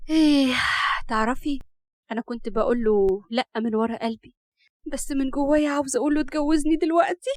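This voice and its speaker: A woman's voice: on the high side, fairly even intonation, quick pace, dry recording, studio quality, lightly acted. A woman voicing a playful young woman who is about to be engaged.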